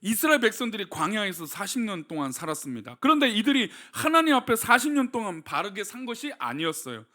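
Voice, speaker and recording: High-voiced, lively male pastor. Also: fast, few pauses. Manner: conversational, asks the congregation questions. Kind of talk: sermon.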